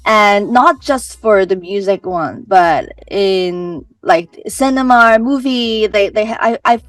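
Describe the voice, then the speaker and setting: A woman's voice: medium pitch, no echo, far from the mic. A young woman from Hong Kong with a Hong Kong accent, Cantonese her first language, answering interview questions casually and often restarting her sentences. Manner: chatty, with many "like" fillers and restarts. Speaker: singer-songwriter guest.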